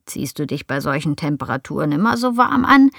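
A kindly old gardener with a gentle, unhurried voice, a touch lower than the teller's own, as a woman reads him in a storybook. The sound is close and dry, with no room around it. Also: sing-song, vocal fry, no echo, full character voice.

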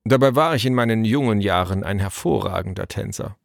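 A man voicing a sardonic middle-aged tracker and father in a storybook reading, dry and unhurried. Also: lowish voice, gravelly, no room sound.

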